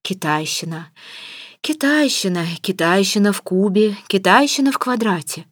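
A woman's voice: mid-range voice, animated, moderate pace, dry recording, studio quality, close to an everyday voice. A woman reading an audiobook, voicing a capricious young bride who is sulky, tearful and sarcastic. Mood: mocking. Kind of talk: audiobook character voice.

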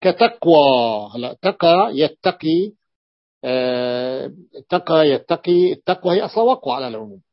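A man teaching Arabic morphology as a sheikh, repeating key phrases and pausing to confirm each point. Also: fairly high pitch, expressive, no echo. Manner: repeats phrases, stretches words, often confirms with a short "yes". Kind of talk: classroom lecture explaining a text. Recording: dull lo-fi, dry sound.

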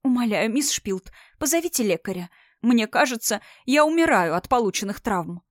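A woman's voice: a little high, animated, normal speed, dry recording, studio quality. A woman voicing a defiant young lady who puts on a theatrical show of being ill. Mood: melodramatic. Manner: theatrical, stubborn, then sharp and hissing.

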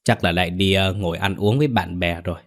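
A man's voice: low-pitched, fast. A man voicing a timid, worried old village mother who speaks hesitantly. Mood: anxious.

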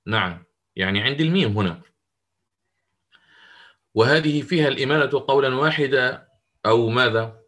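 A man's voice: mid-range voice, normal speed, pauses often, fairly bright tone. A man teaching Quranic recitation in an interactive online lesson. He explains the rules step by step and quizzes his students as he goes.

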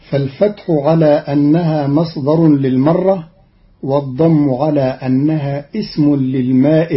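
A man explaining Quran readings in a measured, deliberate scripted radio talk, from an old archival radio recording. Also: fairly high pitch, dull audio.

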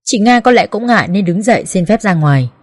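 A woman narrating a first-person family drama in a soft, melancholy way. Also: medium pitch, animated, a little fast, big-room sound. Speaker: audiobook narrator.

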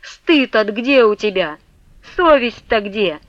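A timid, frightened man begging in a hushed voice, slow and nervous, as a woman reader puts him on. The audiobook sound is dry and slightly muffled. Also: mid-range voice, expressive, no echo. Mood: pleading. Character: timid frightened middle-aged man, pleading under his breath. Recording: dull, dry lo-fi recording.

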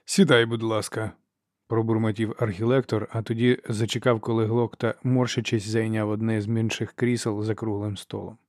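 A man reading a fantasy novel aloud in measured, even audiobook narration. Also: fairly low pitch, dry recording, studio quality.

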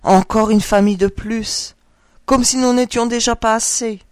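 A woman's voice: a little high, fairly even intonation, moderate pace, no room sound, studio quality, voice pushed up, close to an everyday voice. A woman voicing spiteful pond ducks sneering at a newcomer, in a storybook reading. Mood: scornful. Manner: scornful, sneering.

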